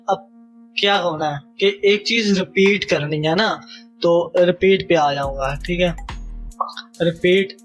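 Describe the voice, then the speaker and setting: A young man with a Pakistani Urdu accent leads a screen-recorded coding lesson. His voice sits fairly high and he goes step by step, dropping in English technical terms and stopping to check understanding. Faint music plays under the narration. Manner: explanatory, repeats "theek hai?" to check understanding, mixes English coding terms. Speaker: programming teacher.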